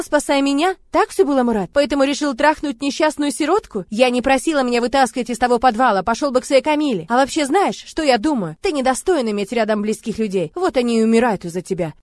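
A woman's voice: fast talker, hardly any pauses, a little mellow, no echo, lightly acted. A woman voicing a furious, heartbroken young heroine who screams her accusations. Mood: furious screaming. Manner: screaming accusations, shrill and raw.

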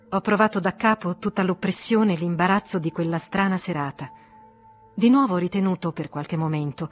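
A woman reading the part of a calm, kindly older man who answers his friend with gentle, measured composure, in an audiobook. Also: fairly low pitch, close to an everyday voice.

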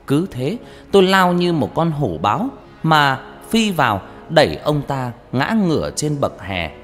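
A man narrating a horror story in an expressive, dramatic audiobook style, with reverb and background music. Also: fairly high pitch, a little slow.

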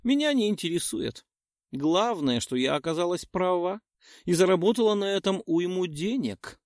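Guy doing a smug scheming summer queen, higher voice, bouncy pitch, dry sound. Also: lively intonation, normal speed, no echo. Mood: amused, scheming. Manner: mocking, self-satisfied.

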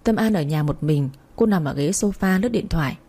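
A woman's voice: low voice, lively intonation, brisk, mellow. A woman narrating a sorrowful first-person audiobook story in a reflective way.

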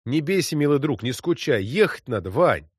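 A man's voice: medium pitch, big pitch swings, moderate pace, husky, dry recording, studio quality. Man doing a joking, kindly cavalry soldier. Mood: soothing. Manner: joking, then soothing and tender. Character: teasing male cavalry soldier, gentle with comrades.

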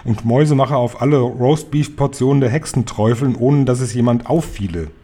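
A man reading the lines of a loving, clever old grandmother in an audiobook, in a calm, careful way. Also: mid-range voice, fairly quick, breathy edge.

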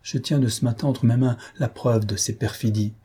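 A man's voice: medium pitch, steady tone, moderate pace, warm tone, slightly rough. A man voicing an aging nobleman who pleads in anguish as a desperate father. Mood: pleading.

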